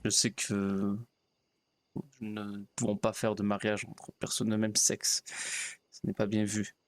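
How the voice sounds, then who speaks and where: A man playing a naive, kindly progressive frontier preacher in a solemn, gentle tone. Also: fairly low pitch, completely flat delivery, measured pace, no echo, close to an everyday voice. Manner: solemn, gentle ceremonial delivery. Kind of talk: in-character role-play.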